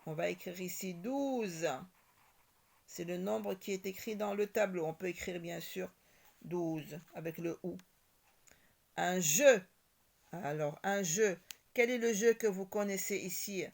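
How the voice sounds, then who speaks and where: A woman teacher slowly reading syllables and words aloud for young children, articulating each one carefully. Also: on the low side, vocal fry.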